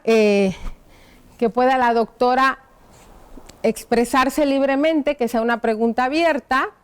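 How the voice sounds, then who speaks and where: A woman teaching a primary school lesson on television, dictating slowly as she writes on a board and checking in with the children through frequent tag questions. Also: sits high, smooth. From Mexico. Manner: slow, careful dictation while writing on a board.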